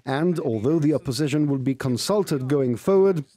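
Guy reading a news report, darkish mellow voice, kinda high pitched, measured. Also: expressive, no room sound. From Gibraltar. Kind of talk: scripted news narration.

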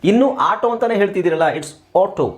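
An English teacher with a Kannada accent, drilling pronunciation by saying each word slowly and then repeating it more quietly, with quick explaining asides in between. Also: mid-range voice.

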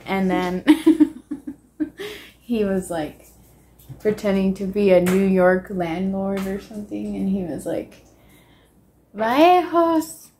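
A woman's voice: medium pitch, fairly even intonation, slow, pauses often, warm tone, slight background noise. A young woman vlogging casually from her home kitchen into a handheld phone, giggling often between phrases. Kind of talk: casual vlog chat.

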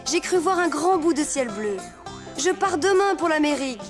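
A woman's voice: high-pitched, animated, moderate pace, over music. A woman narrating as a young girl reading her letters to a friend in a confiding tone. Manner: gentle, confiding.

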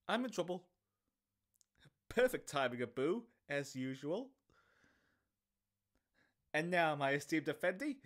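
A young man voicing a cocky but kind street thief who talks in a casual, quick-witted, joking way. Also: on the high side, a bit bright, exaggerated voice. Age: young adult.

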